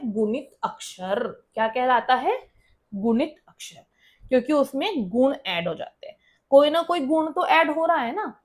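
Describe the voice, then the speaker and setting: A woman teacher explaining a school lesson, often asking students a question and then answering it herself. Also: high-pitched.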